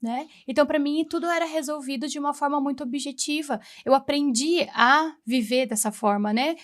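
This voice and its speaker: A woman in her forties with a notably high voice speaks as an interview guest. She tells her own story earnestly and reflectively. She slips into the voices of the people in the conversations she recalls. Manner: acts out remembered dialogue. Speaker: interview guest, women's mentor. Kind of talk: personal testimony in a talk-show interview.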